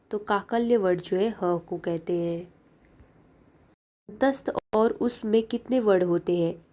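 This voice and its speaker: A young woman with a mellow, warm voice runs through exam-prep questions one after another. She reads each question aloud and then gives its answer in a plain, steady way. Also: medium pitch. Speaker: teacher.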